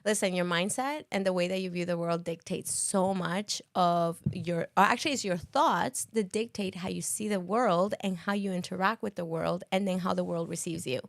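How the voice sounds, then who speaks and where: A woman's voice: lowish voice, normal speed, gravelly, hardly any pauses, no echo. Young woman from ecuador, podcast chat, laughs a lot, dry close sound. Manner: animated, laughs often, storytelling. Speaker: podcast co-host.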